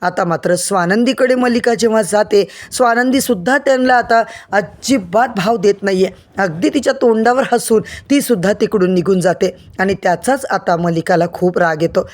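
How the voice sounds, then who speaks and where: A woman's voice: medium pitch, normal speed, few pauses, a little mellow. A woman narrating an episode recap of a TV serial, addressing viewers directly in a storytelling manner.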